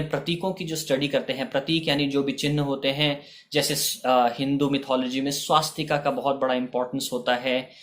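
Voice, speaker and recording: A man with an Indian accent teaching vocabulary, slowly drawing out each word and repeating it, with "ok" between points. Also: mid-range voice, a bit bright. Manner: slow, drawn-out spelling of each word. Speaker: language teacher. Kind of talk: bilingual vocabulary lesson.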